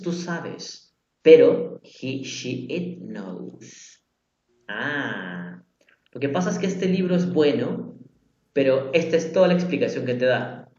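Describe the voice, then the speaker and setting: An English teacher runs a live online language class, patiently repeating example phrases and quizzing his students. His voice is medium in pitch and a little mellow, and the recording is dull and lo-fi, with an echoey room.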